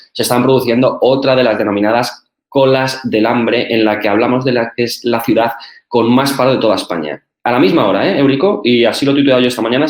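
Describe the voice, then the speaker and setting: A man's voice: lowish voice, roomy sound. A man co-hosting a political commentary show, insisting on his points and repeating them. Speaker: co-host.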